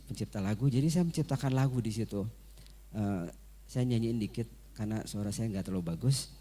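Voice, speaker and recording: A man's voice: medium pitch, mellow. A man giving an earnest, repetitive sermon testimony at a church service, often speaking directly to the congregation.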